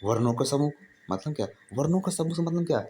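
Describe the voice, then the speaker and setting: A man's voice: on the high side, animated, quick pace, mellow. Man, grammar teacher, casual lesson, repeats points, asks then answers his own questions, faint background noise. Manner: casual, addresses listeners as brother. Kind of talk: informal classroom-style explanation.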